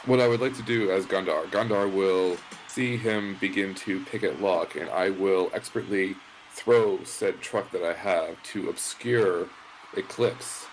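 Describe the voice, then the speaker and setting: A boastful, simple-minded giant who speaks of himself in the third person and drops his little words, as a man plays him at a tabletop game. The voice sits very low, with a faint hiss on the recording. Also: unhurried, poor audio. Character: dim, boastful male giant hauling trucks. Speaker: player.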